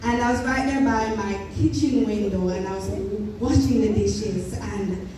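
A woman leading a church music ministry, telling an animated story in an interview and quoting herself as she goes. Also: mid-range voice, unhurried, noisy background. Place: large church hall. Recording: echoey hall from far off.

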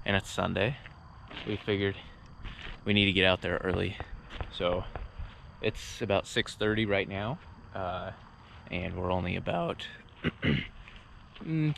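A man with a low, gravelly voice narrates his camping trip in a loose, easygoing way, full of fillers and restarts. He is outdoors, caught on an action camera mic. Steady background noise sits under his voice. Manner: relaxed, rambling, many "uh"s and restarts. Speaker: vlogger and trip host. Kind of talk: casual travel vlog narration. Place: outdoors at a desert campsite.

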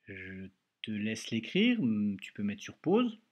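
Slow, patient husky-voiced male teacher. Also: fairly low pitch, wildly swooping pitch. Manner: slow, patient, talks directly to a child, frequent "hein". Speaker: primary school teacher. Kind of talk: recorded remote dictation lesson.

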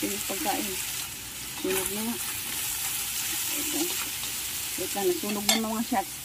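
A young mother with a Visayan accent vlogs casually from her home kitchen, chatting to the camera and slipping into sing-song baby talk with her children. Her mid-range voice has little pitch movement and a slow pace, and the recording is very noisy.

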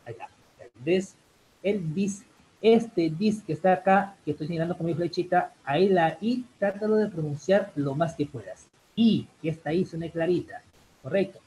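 A fairly high-voiced young man runs a loose, chatty live English class, peppering his talk with "chicos" and "bien". A faint hiss sits under the recording. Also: fairly quick, dark tone, rough recording. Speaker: English teacher.

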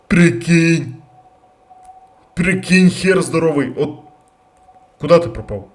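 A man commentating his own gameplay, bursting into loud curses and then dropping to quiet muttering. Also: fairly high pitch. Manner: loud outbursts and heavy swearing; jumpy, rapid switches between yelling and muttering. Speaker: let's play gamer.

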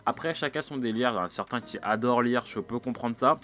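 A man's voice: medium pitch, fast talker, sharp tone. A young man, chatting casually to his viewers in a rambling, slangy way with plenty of fillers. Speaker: YouTuber. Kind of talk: casual vlog monologue.

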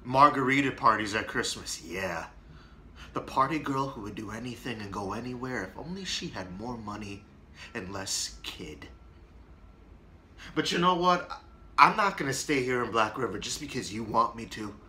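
A man's voice: medium pitch, expressive, moderate pace, bright, forceful tone, slight background noise. A man in his thirties performing a dramatic monologue as a resentful, confrontational young man rebelling against a parent. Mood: bitter, defiant. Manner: bitter, confrontational. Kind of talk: contemporary dramatic monologue audition. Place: small plain room indoors.

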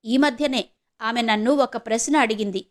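A woman's voice: fairly high pitch, normal speed, natural voice. A woman narrator voicing an indignant adoptive mother who scolds in a storybook reading. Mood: scolding. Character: angry, protective adoptive mother, adult woman.

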